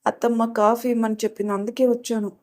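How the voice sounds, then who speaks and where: A woman's voice: a little high, flat delivery, fast, a little mellow, lightly acted. A woman voicing a chatty young woman. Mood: hurt pleading. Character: chatty young woman, playful, easily hurt.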